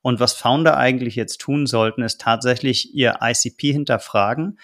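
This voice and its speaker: A man hosting a podcast interview, asking long, measured questions with frequent ums. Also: mid-range voice, fairly even intonation, fairly bright tone. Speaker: podcast host.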